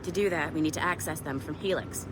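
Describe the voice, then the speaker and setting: An actress playing a brisk, sardonic young tech contractor who swears, in a video game. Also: female voice, low-pitched, background noise, natural voice. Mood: wry.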